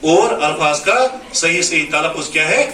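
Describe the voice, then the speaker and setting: A male teacher walks through a lesson in a bright, forceful voice that sits a little high. He keeps checking that his students are following. The sound is roomy and the mic is set some way off. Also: moderate pace, slight background noise. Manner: explanatory, repeats "है ना" to check understanding. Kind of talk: classroom lesson on Urdu poetry recitation. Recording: echoey room, mic at a distance.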